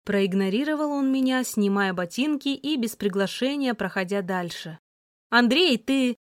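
A woman narrating a first-person novel as an audiobook, lively and voicing the heroine's sharp retorts. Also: mid-range voice, moderate pace, dry recording, studio quality.

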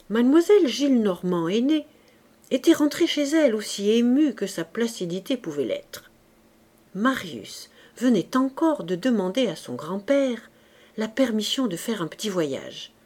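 A woman reading a classic novel aloud as an audiobook, in a measured, expressive style. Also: fairly high pitch. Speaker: audiobook reader. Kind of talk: literary audiobook narration.

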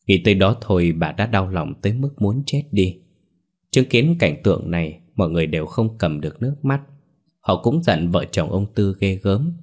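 A man narrating a ghost story in a steady, dramatic way. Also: low-pitched.

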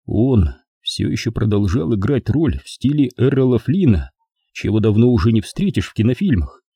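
A man reading a first-person crime story in an animated storytelling way. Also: mid-range voice, moderate pace, breathy edge, dry recording, clean studio sound. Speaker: audiobook narrator. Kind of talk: first-person audiobook narration.

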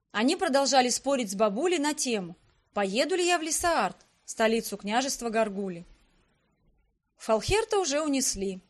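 Woman narrating a fantasy audiobook. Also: a little high. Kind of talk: first-person fantasy narration.

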